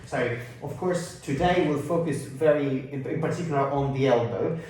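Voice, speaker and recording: Halting, masked man in echoey room. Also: medium pitch, a little mellow, slight background noise. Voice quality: slightly muffled from speaking through a face mask. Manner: halting, explanatory. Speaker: consultant osteopath and physiotherapist. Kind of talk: informal clinical explanation. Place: indoor room at a clinic. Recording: very echoey room, distant mic.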